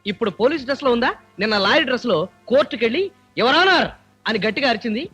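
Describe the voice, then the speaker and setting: An actor playing a scheming male con man in a film comedy scene. He talks fast and wheedles his way out of every charge. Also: extremely high pitch, fairly bright tone, breathy edge, faint music behind, full character voice. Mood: smooth-talking. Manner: fast, wheedling excuse-making.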